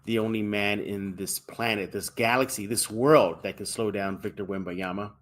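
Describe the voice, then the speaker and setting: A man's voice: on the low side, steady tone, normal speed, fairly bright tone. A man hosting a sports podcast, chatty and upbeat, laughing easily with his guest. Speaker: podcast host. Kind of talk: casual sports podcast chat.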